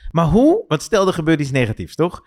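Male host, slightly high and very lively in pitch, inquisitive interviewer. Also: brisk. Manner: inquisitive, laughs easily. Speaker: podcast host. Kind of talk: casual interview chat.

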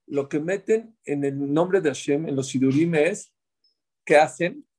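A man's voice: on the high side, a little slow, darkish tone. A man teaching a Torah class to a small group, explaining points and asking the group questions before answering them himself.

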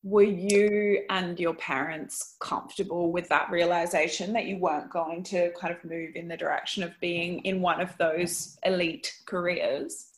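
A woman's voice: lowish voice, fairly even intonation, measured pace, few pauses. A woman acts as a casual interviewer, speaking conversationally. Her voice has a noticeably roomy, echoing sound. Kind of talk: casual interview, brief listening responses.

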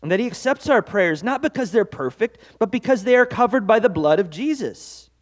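A pastor of Norwegian-American heritage, with a high, animated voice and slightly fast pace, preaches a devotional sermon. He is earnest and conversational, sprinkling in self-deprecating asides.

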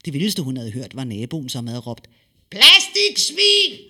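A man reading a story aloud with lively, expressive delivery and dramatic pauses. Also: medium pitch, husky. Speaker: narrator.

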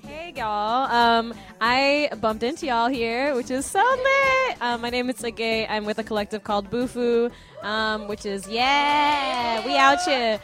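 A woman's voice: a little high, animated, unhurried, fairly bright tone, soft background music. A woman guest at an art book fair, talking in an upbeat, slangy, casual way. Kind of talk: casual chat.

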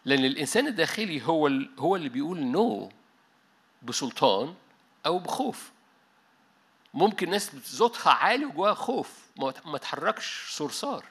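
A man with an Egyptian Arabic accent preaching a sermon to a church meeting, animated, dropping English words and often restarting mid-phrase. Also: a little high, fairly quick, breathy edge. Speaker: pastor.

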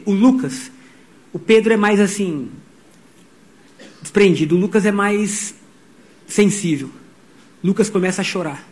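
A middle-aged man, preaching a sermon and telling stories in a lively way. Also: sits high. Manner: animated storytelling, voicing quotes. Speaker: pastor.

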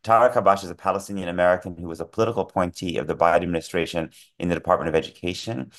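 Low-voiced male podcast host. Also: steady tone. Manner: polite, measured questioning. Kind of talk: podcast interview.

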